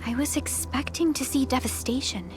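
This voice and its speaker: An actress voicing a composed young supervisor in a game, speaking in a measured, businesslike way with a slightly high voice. Game music plays clearly behind her. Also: lightly acted. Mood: serious. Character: earnest young woman supervisor, calm and focused.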